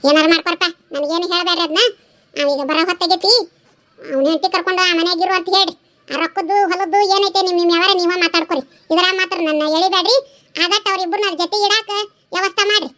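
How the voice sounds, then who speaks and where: A woman voicing a blunt, bossy middle-aged village mother in a cartoon, brisk and scolding, with a North Karnataka Kannada accent. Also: extremely high pitch, steady tone, pushed and bright. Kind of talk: cartoon voice acting.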